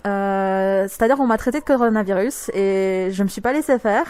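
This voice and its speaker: A woman's voice: medium pitch, moderate pace, a little mellow, clear, resonant tone. A woman giving a spontaneous personal testimony, speaking hesitantly and often searching for her words. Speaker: witness giving an anonymous testimony.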